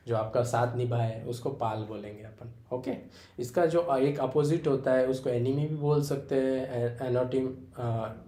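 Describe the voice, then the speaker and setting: A man's voice: medium pitch, dark tone, echoey room. A young Indian man with a Marathi-influenced accent teaching English vocabulary in Hindi, filling his talk with "okay" and calling students "beta". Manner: explains with repeated fillers like "okay" and "है ना"; addresses students fondly as "बेटा".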